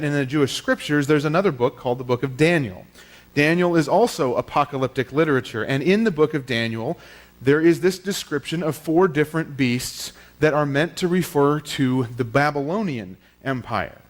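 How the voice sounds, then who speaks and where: A pastor giving a teaching sermon at a pulpit microphone in a church, explaining in a plain, conversational way with small fillers. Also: male voice, a little high, lively intonation, moderate pace. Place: church sanctuary.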